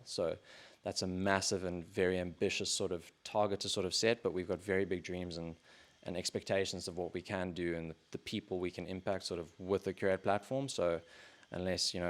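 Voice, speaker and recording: Guy with a really deep voice, chatting as a podcast guest, kinda hedgy and measured. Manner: measured, hedging with "sort of" and "kind of". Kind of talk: casual interview chat.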